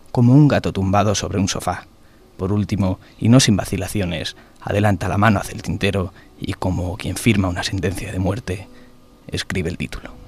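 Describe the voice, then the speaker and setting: A man reading a story aloud, expressively voicing the characters' lines. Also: lowish voice. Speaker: narrator.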